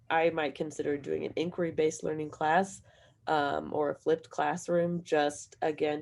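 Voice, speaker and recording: Hoarse woman, low and gravelly, math instructor on a panel, rambling answer. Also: darkish tone. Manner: rambling, self-deprecating, chuckles while talking. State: hoarse from allergies.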